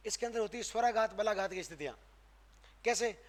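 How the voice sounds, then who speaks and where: A man's voice: high voice, lively intonation, a little fast. A man. He lectures in an emphatic way, putting questions to the room and answering them himself before moving on. He repeats sounds with extra stress so the students can hear the difference. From Rajasthan, India. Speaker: Hindi grammar teacher. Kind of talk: classroom lecture. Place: classroom.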